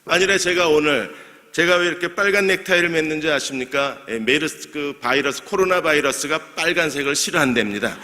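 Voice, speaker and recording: A man's voice: a little high, fairly quick, pushed and bright. A male pastor preaching a midweek sermon, asking his congregation questions, answering them himself, and joking lightly with them. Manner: jokes lightly and laughs with the congregation. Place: church sanctuary. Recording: long church hall reverb.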